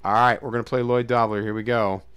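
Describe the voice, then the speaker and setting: A man hosting a live stream, playfully addressing his viewers as ladies and gentlemen in a casual sign-off chat. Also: mid-range voice, flat delivery, quick pace, smooth. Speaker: streamer host.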